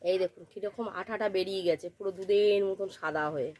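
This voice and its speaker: A woman from Bengal talks fast at a medium pitch while hosting a village cooking video. She walks through every step in a plain, instructional manner and reuses the same phrases, with loud sizzling and stirring in the background.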